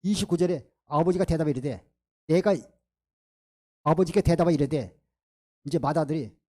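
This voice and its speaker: A man preaching a sermon in a high-pitched voice. He is emphatic and often turns to the congregation with rhetorical questions. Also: normal speed, warm tone. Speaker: pastor.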